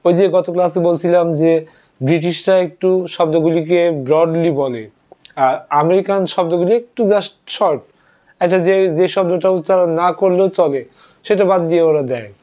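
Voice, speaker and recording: A man teaching an English vocabulary lesson, spelling words out letter by letter and repeating them slowly. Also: a little high, warm tone. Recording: dull lo-fi audio.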